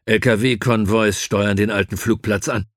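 A man voicing a stiff, irritable older army officer in an audiobook, brisk and gruff. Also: fairly low pitch, fairly even intonation, no echo, clean studio sound.

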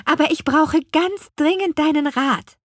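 A woman's voice: sits high, measured pace, no room sound, clean studio sound, pitched above the performer's own voice. Woman doing an eager little apple witch girl. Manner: bright, pleading, eager delivery. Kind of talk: audiobook character voice.

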